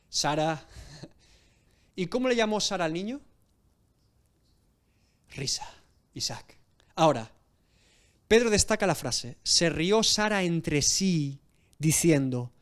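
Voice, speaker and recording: A man with a fairly high voice preaching an expository sermon. He tells the story with animation and acts out the scenes as he goes. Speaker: pastor.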